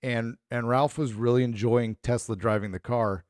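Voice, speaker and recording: Here a middle-aged podcast co-host speaks at a moderate pace in a mid-range voice, chatting casually and wandering through stories while playing each character. It's studio quality, with no room sound.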